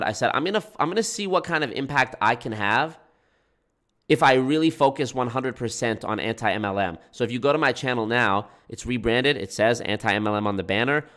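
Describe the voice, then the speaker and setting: Speaking in a mid-range, fairly bright voice with a nasal, stuffed-up quality, a male content creator who targets MLMs addresses his livestream viewers casually. His talk wanders, with lots of self-correction and restarted sentences.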